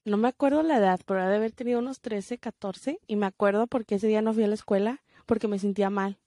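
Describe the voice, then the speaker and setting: A young woman, telling stories in a casual podcast chat, lively and mixing in English. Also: medium pitch, fast talker, no echo, studio quality. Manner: lively, laughs often, mixes in English. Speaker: podcast co-host.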